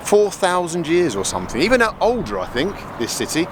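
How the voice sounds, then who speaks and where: A man's voice: fairly high pitch, sing-song, brisk, noisy background. A man chatting casually as a fellow traveller outdoors, upbeat and slangy. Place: outdoors in a city.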